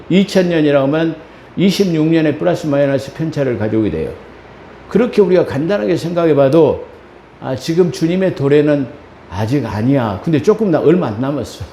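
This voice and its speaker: A man's voice: mid-range voice, dark tone, roomy sound, slight background noise. A male pastor preaching a sermon in a conversational style, acting out voices for the people he quotes. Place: church sanctuary.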